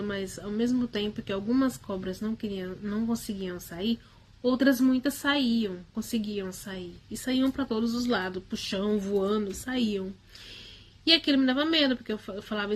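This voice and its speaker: Woman, casual first-person recounting, hesitant, frequent tag questions, restarts. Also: medium pitch. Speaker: channel host recounting a spiritual experience.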